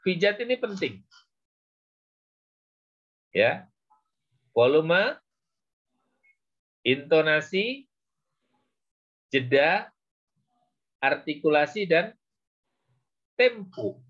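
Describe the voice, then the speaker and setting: Guy teaching a speaking class, slow with lots of little fillers, kinda muffled recording. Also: fairly high pitch, very animated. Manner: slow, with frequent "ya" and "gitu ya" fillers. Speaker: lecturer. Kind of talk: lecture on public speaking. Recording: dull lo-fi recording.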